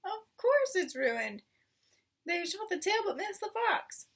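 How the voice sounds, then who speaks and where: A bossy farmer's wife from a children's tale gives commands in a high voice, voiced by a woman reader. She is impatient and snappish. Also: big pitch swings, slow, fairly bright tone, distant mic, exaggerated voice. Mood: brusque.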